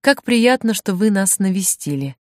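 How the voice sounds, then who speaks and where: A woman's voice: mid-range voice, lively intonation, moderate pace, no room sound, studio quality, close to an everyday voice. A woman voicing a gracious, polite hostess in a storybook reading, with a sweet, welcoming manner.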